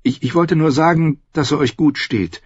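Man doing high, pleading young woman knight, awkward and earnest, low-fi dry read. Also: moderate pace, breathy edge, no echo. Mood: earnest, unsure. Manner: pleading, insistent questions. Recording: dry, slightly dull studio audio.

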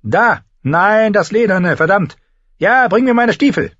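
Man doing a sardonic dwarf lord, high strained voice, barking orders, husky edge, dull lo-fi sound. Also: very animated, a little fast, dry recording, full character voice. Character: sharp-tongued dwarf lord, commanding and sardonic. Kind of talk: audiobook character voice. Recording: dull lo-fi recording.

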